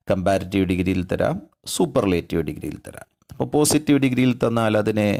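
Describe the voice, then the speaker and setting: A Malayali man giving a classroom grammar lesson in a lowish, gravelly voice. His pitch rises and falls a lot as he works through examples. He poses questions and answers them himself with patient care. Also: darkish tone. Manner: patient, explains step by step, asks and answers his own questions. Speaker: English teacher.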